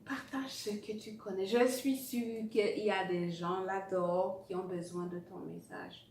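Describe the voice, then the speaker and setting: Female motivational coach, medium pitch, emphatic and repetitive delivery, echoey room sound. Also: fairly even intonation, a little slow, darkish tone. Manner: emphatic, repeats key phrases, direct address; some English words mixed into French. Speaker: writing coach. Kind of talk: motivational teaching with acted-out anecdotes. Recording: roomy echo, distant mic, faint noise.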